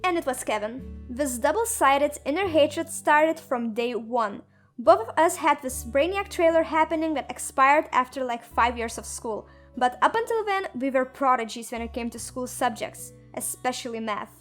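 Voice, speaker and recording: A young Lithuanian woman, whose first language is Lithuanian, narrates a comedic animated storytime in a high, expressive voice at normal speed. As animator and narrator she sounds sarcastic, dramatic and self-mocking, with soft music behind her.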